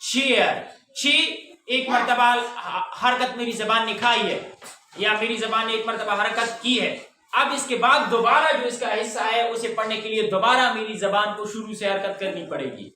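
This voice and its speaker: A man's voice: sits high, moderate pace, sharp tone, slight background noise. A man teaching a pronunciation lesson to a class, stretching words out syllable by syllable and quizzing the students. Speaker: English teacher. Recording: very echoey room, voice from far off.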